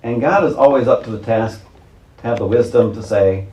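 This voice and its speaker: A man's voice: medium pitch, brisk, mellow. A male pastor preaching a conversational, wry sermon with chuckling asides. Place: church sanctuary. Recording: roomy church sanctuary.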